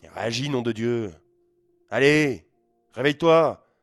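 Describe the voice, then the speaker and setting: A man voicing a furious middle-aged father who yells harsh commands. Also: deep voice, little pitch movement, fast, dry recording, studio quality, soft background music, natural voice.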